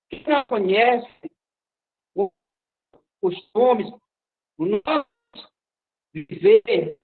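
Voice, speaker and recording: A community leader giving a slow, formal talk in short halting phrases, his voice breaking up and dropping out over a bad internet connection on a video call. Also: very high voice, husky. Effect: glitchy, dropping audio from a bad internet connection. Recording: choppy, tinny video-call line.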